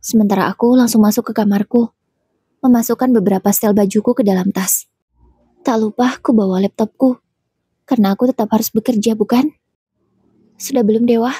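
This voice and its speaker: A woman tells a domestic drama in the first person with steady, measured pacing. Her voice sits a little high and sounds warm and breathy. The recording is dry and close, with no room sound. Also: no echo. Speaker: storyteller. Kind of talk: scripted first-person narration.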